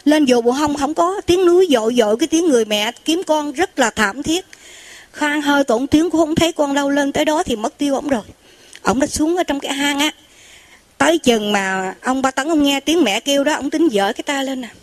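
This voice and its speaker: A woman telling religious miracle tales orally, talking straight to her listeners in a lively way. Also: high voice, a little fast, no room sound. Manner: addresses listeners directly, lively retelling. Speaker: storyteller.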